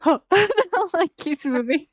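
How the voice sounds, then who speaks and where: Female tabletop player, very high voice, unhurried casual chat, dry close sound. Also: expressive, dry recording.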